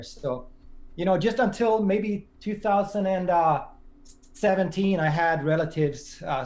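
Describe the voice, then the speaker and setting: A man in his forties from Sweden, a native Swedish speaker, chatting as a podcast guest. His voice sits a little high, and he speaks reflectively, circling back and restarting his sentences. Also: a little mellow. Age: 40s. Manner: thoughtful, with many restarts. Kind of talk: casual conversation.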